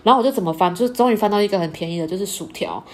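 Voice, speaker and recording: Fast-talking woman telling a story. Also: mid-range voice. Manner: animated, laughs often, acts out quoted lines. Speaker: podcast host. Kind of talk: casual storytelling chat.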